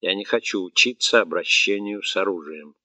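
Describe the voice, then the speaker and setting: A man's voice: low-pitched, moderate pace, bright, forceful tone, dry recording. A man voicing a stubborn, angry young woman cadet who answers curtly and defiantly, in an audiobook. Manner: curt, defiant. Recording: dull, muffled audiobook recording.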